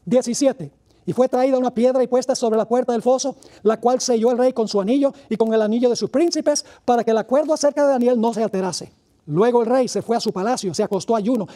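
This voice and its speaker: Pastor preaching, man with a dark warm voice, reads Bible passages slowly and stresses key words. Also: extremely high pitch. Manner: reads scripture aloud, slowing on key words; mentions rushing through much material. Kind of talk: sermon, Bible study lecture.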